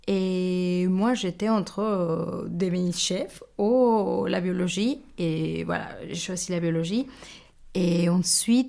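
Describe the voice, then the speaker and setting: A woman's voice: lowish voice, vocal fry, a little mellow. A woman, a guest baker talking casually in an interview, often searching for words and restarting. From Mexico. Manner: searching for words, many small fillers and restarts.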